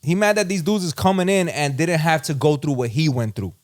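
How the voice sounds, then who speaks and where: A man with a New York accent, co-hosting a casual hip hop podcast and telling profane, animated stories. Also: on the high side, brisk. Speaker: podcast co-host. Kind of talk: casual chat.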